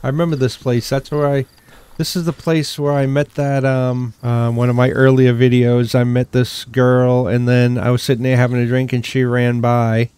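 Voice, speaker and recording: A gaming YouTuber, older and from New England, talks casually through a survival game in a Boston accent, relaxed and muttering under his breath as he loots. The medium-pitched voice moves at normal speed, and the recording is clean.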